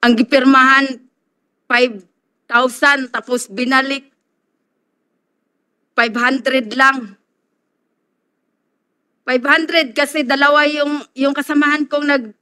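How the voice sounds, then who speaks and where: A tearful woman testifying at a hearing as a complainant, halting and apologetic. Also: sits high, steady tone, sharp tone, smooth. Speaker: complainant witness. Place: hearing room.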